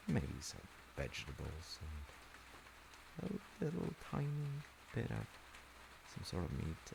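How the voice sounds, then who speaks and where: A voice actor in an audio roleplay plays a gentle, thoughtful dad telling his child a folktale, his low, creaky male voice measured and reflective as he explains with pauses. The intimate bedtime storytelling and chat sounds improvised. The low-quality recording carries faint ambient noise behind him.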